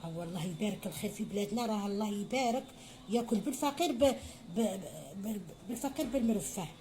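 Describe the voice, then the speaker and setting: A woman's voice: mid-range voice, animated, fast talker, dark tone, a little hiss or hum. A middle-aged woman with an Algerian Arabic accent giving a home cooking tutorial, chatty and motherly, calling viewers her children and adding blessings. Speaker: home cook.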